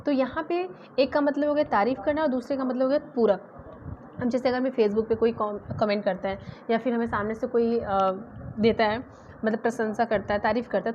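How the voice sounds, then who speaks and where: एक महिला शिक्षिका, अंग्रेज़ी व्याकरण का पाठ धैर्य से समझाती है और शब्दों की स्पेलिंग अक्षर-दर-अक्षर बोलती है।. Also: female voice, fairly high pitch. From India. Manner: explains patiently, spells words out letter by letter. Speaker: English grammar teacher. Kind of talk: exam-prep grammar lesson. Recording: dull lo-fi sound with faint noise.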